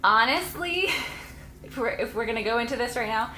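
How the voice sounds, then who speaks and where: A woman's voice: fairly high pitch, expressive, moderate pace, pushed and bright, roomy sound, a little hiss or hum, low-quality recording. A woman in her late twenties, a homeschooling mom vlogger, chatting casually and rambling to camera with frequent laughs. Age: late 20s.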